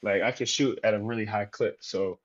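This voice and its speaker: A man, a professional basketball player, talking casually as an interview guest, relaxed and rambling with many fillers. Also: fairly low pitch, brisk, lo-fi sound. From United States.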